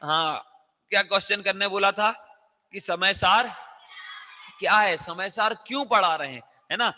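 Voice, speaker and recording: A man with a high, piercing voice teaches a children's class, asking questions again and again and pushing the kids to answer louder. His voice rings through a hall with a long, echoing reverb. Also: a little slow, slight background noise. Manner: loud, coaxing, quizzing children with call-and-response questions.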